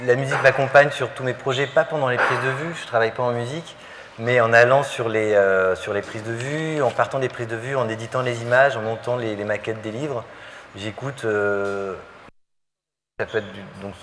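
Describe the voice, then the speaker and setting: A man's voice: fairly low pitch, a bit bright, slight background noise. Hesitant French-speaking man, conversational. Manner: hesitant, many fillers and restarts. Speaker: photographer guest. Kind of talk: public interview, conversational. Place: live public interview before an audience.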